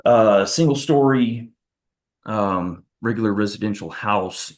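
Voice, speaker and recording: A man on the witness stand testifies in court, recounting events carefully and methodically, one step after another. His voice is lowish and his pace slow.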